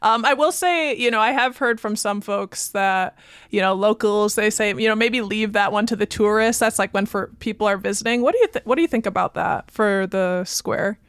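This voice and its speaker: A woman hosting a podcast in casual conversation, bubbly and quick to laugh. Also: medium pitch, a bit bright, clear, resonant tone, dry recording. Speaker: podcast host. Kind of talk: casual chat.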